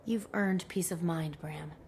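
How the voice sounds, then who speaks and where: A woman's voice: lowish voice, unhurried, darkish tone, slight background noise. An actress playing a caring, friendly female commander in a video game, sympathetic and polished. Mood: caring, curious.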